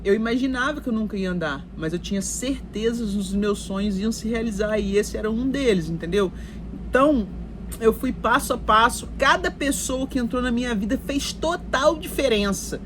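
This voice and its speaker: A woman's voice: a little high, lively intonation, normal speed, noisy background. A Brazilian woman talking casually to her viewers, telling her life story in a chatty way with lots of fillers and asides. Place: recording while in Canada.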